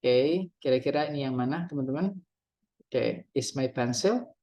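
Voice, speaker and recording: A man teaching English grammar in a relaxed way, reading out example questions and translating each one. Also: medium pitch, normal speed, highs cut off. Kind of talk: casual classroom explanation.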